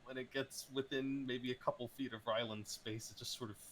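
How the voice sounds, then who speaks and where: A man acting as game master, describing the scene in a hesitant, halting way. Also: medium pitch, fairly even intonation, a bit bright, a little hiss or hum.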